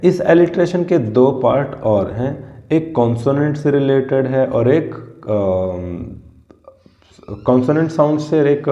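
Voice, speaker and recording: A man teaching English grammar, talking slowly and sounding out example words one at a time. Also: mid-range voice, mellow. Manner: slow, spells out sounds word by word. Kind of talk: whiteboard grammar lesson. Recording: echoey, dull lo-fi room sound.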